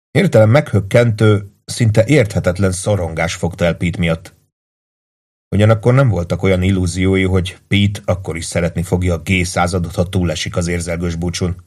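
Very deep-voiced male audiobook narrator. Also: darkish tone. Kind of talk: scripted narration.

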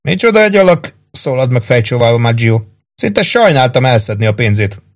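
A man's voice: medium pitch, sing-song. A man reading an audiobook, voicing a cocky, wisecracking young soldier at a card game. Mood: needling. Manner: brash, needling, boastful. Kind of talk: audiobook character voice.

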